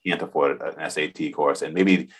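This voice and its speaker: A man in his forties hosts a podcast interview in an earnest, enthusiastic way, thinking out loud as he goes. His voice sits very low. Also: steady tone, brisk, husky. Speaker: podcast host. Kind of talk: casual interview conversation.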